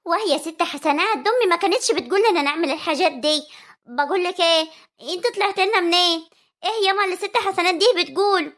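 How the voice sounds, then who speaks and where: A woman voicing a sharp-tongued young village daughter with a rural Egyptian accent, quick and nagging. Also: very high-pitched. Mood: complaining. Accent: rural Egyptian Arabic.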